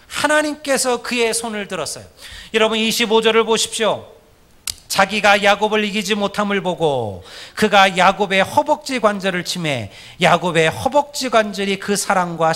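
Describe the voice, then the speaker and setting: High, bright-voiced Korean pastor preaching. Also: male voice. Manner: earnest preaching, addressing the congregation often. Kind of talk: sermon.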